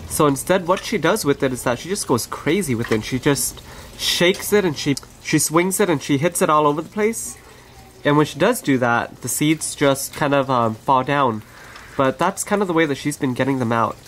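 A pet bird owner and channel host gently narrating pet footage in a casual, conversational way, recorded on the camera mic in an outdoor aviary. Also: medium pitch, lively intonation, moderate pace, a little hiss or hum.

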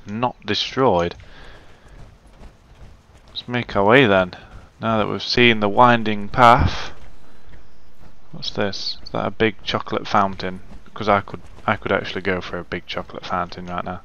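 Man, casual let's play commentary, gravelly fry, muttering to himself, muffled lo-fi recording. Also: on the low side, steady tone, measured pace, bright, forceful tone. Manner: chatty, swears, mutters to himself.

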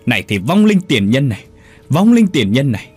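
A man's voice: mid-range voice, big pitch swings, brisk, darkish tone, slightly rough, soft background music. A man voicing a furious, violent older woman who screams insults in a dramatic audiobook telling.

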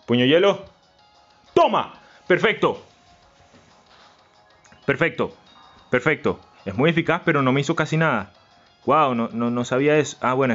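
A man hosting a let's-play, chanting and repeating words and swinging between low mutters and yells. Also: highs cut off. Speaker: gaming channel host. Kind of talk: excited let's-play commentary.

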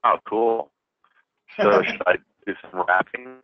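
A man's voice: fairly low pitch, takes it slowly, faint music behind. A man on a work conference call, his voice garbled as if underwater, explaining in a loose way with lots of fillers. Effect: garbled, underwater-sounding connection. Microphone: conference call line. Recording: tinny, dry phone line.

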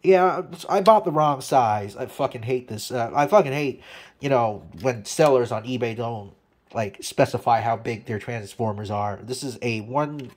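At normal speed and medium pitch, a man delivers a casual, unplanned update on his radio repairs for a video. He's a hobbyist who rambles, talks bluntly, and curses freely.

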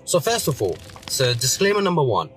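Speaking from a parked car into his phone, a man in his thirties makes a casual video rebuttal as a commentator, earnest and full of fillers. Born in Pakistan, he grew up speaking Urdu first. His mid-range voice swoops wildly in pitch at a slightly fast pace, with faint music behind.

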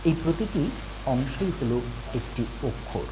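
A man's voice: medium pitch, expressive, a little slow. A man lecturing in an explanatory lesson, stressing key terms as he goes. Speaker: teacher. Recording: hissy recording.

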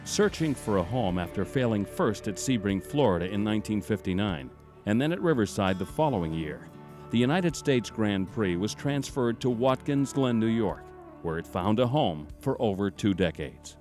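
A man giving scripted documentary narration in a measured, formal storytelling manner. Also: fairly low pitch, animated, darkish tone. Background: guitar music.

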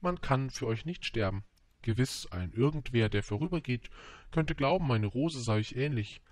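Man voicing a little boy prince, earnest, wondering, gentle, storybook, dry close sound. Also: mid-range voice, lively intonation, normal speed, dry recording, pitched above the performer's own voice, lightly acted. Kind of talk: audiobook reading.

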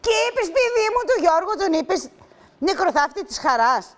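A woman's voice: very high-pitched, sing-song, pitched above the performer's own voice. A woman putting on the voice of an angry elderly aunt from a Greek island, about eighty, scolding in a dramatic, old-fashioned way over the phone. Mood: indignant. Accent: Greek island village.

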